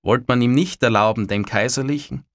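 A man reading a story aloud in a measured way, falling quiet at pauses. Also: mid-range voice, no echo, clean studio sound. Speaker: narrator. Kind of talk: storybook narration.

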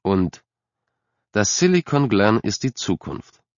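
A man's voice: fairly low pitch, big pitch swings, takes it slowly, no echo. A man voicing a tired, stubborn middle-aged father coaxing his sons in an audiobook. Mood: persuading. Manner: patient, persuading. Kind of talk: audiobook character voice. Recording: dry, slightly dull recording.

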